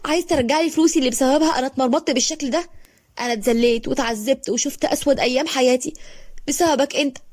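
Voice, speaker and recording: A woman's voice: high-pitched, very fast, a little mellow, no room sound, clean studio sound, pitched above the performer's own voice, lightly acted. Woman voicing a grieving, wronged young Egyptian woman. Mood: bitter, grieving. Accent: Egyptian Arabic.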